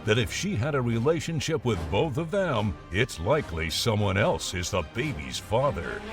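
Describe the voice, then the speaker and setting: A male narrator sets up a televised court case with a lively, announcer-like read that rises and falls. Clear music runs beneath him. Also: mid-range voice, moderate pace. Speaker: show narrator.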